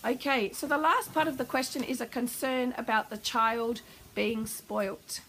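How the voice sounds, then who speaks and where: A woman parenting coach answering a viewer's question, explaining calmly and warmly. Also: a little high, measured pace, slight background noise, low-quality recording. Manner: calm, warm explanatory advice.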